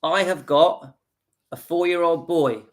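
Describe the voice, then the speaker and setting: A man in his late fifties talks straight to his viewers from home, pitched a little high for a man. He is earnest and rousing, and he repeats his lines to drive the point home. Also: slow. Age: 50s. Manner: earnest, repetitive, rallying the viewers. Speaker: channel host. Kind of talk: casual direct-to-camera vlog.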